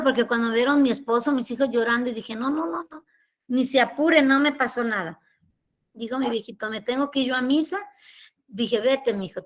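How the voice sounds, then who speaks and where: A woman's voice: a little high, fairly bright tone. A middle-aged woman gives a heartfelt spoken testimony as a guest. She talks earnestly, repeats herself and speaks to her listeners as her children.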